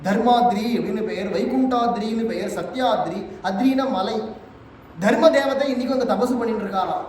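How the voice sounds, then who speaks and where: A man giving a devotional religious discourse, telling stories and chanting verses in a drawn-out sing-song. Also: high voice, a little mellow. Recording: echoey hall, distant mic, faint noise.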